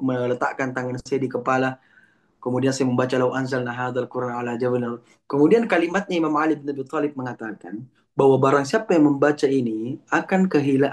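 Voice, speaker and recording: A man's voice: mid-range voice, a little mellow. A man teaching as an Islamic lecturer over an online call, explaining patiently, reciting Arabic verses and restarting words. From Palembang. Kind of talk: religious lecture answering a question.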